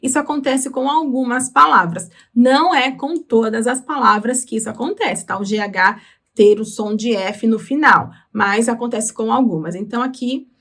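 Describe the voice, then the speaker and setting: A woman with a Brazilian Portuguese accent and a fairly high, fairly bright voice teaches English through song lyrics. She explains them patiently in the lesson, slowing down on words.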